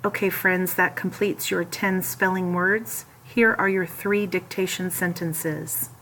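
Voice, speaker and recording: Woman, schoolteacher, slightly low pitch, very slow deliberate spelling-test dictation, repeated words, noticeable background noise. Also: steady tone, fairly bright tone, rough recording. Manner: deliberate, clearly separated words, repeating each word. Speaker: elementary school teacher.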